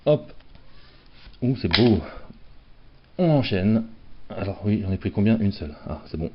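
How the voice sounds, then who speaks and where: A man talks through opening packs of cards in a relaxed, joking way, often poking fun at himself. His voice sits on the low side. The recording is dull and lo-fi. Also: a little slow, background noise. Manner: chatty, self-mocking, playful. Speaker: card collector opening packs. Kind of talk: casual unboxing commentary.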